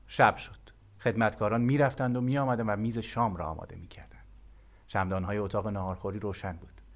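A man reading a translated novel aloud as an audiobook narrator, calm and measured. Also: on the low side.

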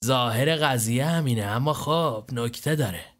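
A man's voice: medium pitch, fairly bright tone, close to an everyday voice. A man voicing a cocky young male gang member who talks in flippant, joking banter.

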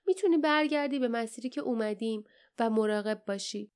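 A woman's voice: a little high, a little mellow, smooth, close to an everyday voice. Woman doing a firm determined young hero. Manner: firm and decisive.

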